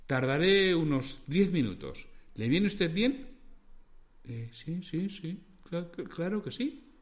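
A man's voice: fairly high pitch, very animated, measured pace. A man voicing a polite, composed male call-centre operator who speaks formally and reassuringly.

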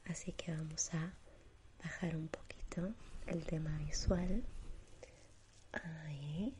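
A woman with a Rioplatense Spanish accent doing a whispered role-play as an ASMR spa attendant, in a soothing sleep-narrator manner with gentle repetition and diminutives. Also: low voice, fairly even intonation, slow pace, background noise. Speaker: ASMR performer giving a pampering spa treatment.

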